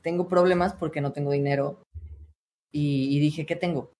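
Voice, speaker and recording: A man's voice: a little high, steady tone, moderate pace, a little mellow. A young Mexican man, a streamer and voice coach, talking earnestly in a casual podcast chat with many restarts. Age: young adult. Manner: earnest, advice-giving, frequent "o sea" restarts.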